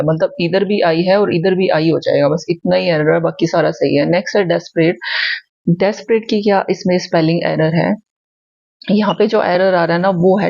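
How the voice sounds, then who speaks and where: A woman's voice: fairly low pitch, a little mellow, no room sound, lo-fi sound. A woman teacher giving a spelling lesson for exam preparation, spelling words out letter by letter and often checking that students follow. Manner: patient, repeats checks like "ठीक है?".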